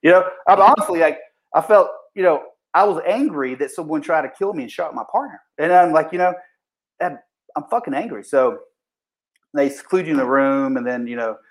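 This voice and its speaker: A man's voice: on the high side, a little fast, low-quality recording. Profane, blunt police officer man. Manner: profane, blunt, restarts sentences often; acts out what people said in raised voices. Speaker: police officer recounting a shooting. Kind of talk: casual storytelling.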